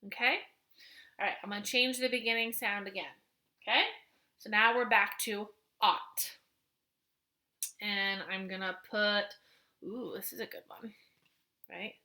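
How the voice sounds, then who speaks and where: Slow, bright-voiced kindergarten teacher. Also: female voice, medium pitch, fairly even intonation. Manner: slow, patient, stretching out letter sounds. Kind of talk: teaching phonics to young children.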